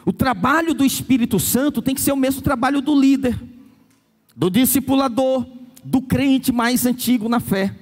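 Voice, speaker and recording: A man's voice: very high voice, moderate pace. A Brazilian pastor preaching a sermon, telling stories and acting out the people he quotes. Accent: Brazilian Portuguese. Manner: storytelling preacher, acts out quoted voices.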